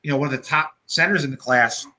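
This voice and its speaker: A man's voice: on the high side, fast talker, sharp tone, rough recording. A man co-hosting a hockey podcast, talking casually in a rambling, profane way with lots of restarts. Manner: swears freely, rambling restarts. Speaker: podcast co-host.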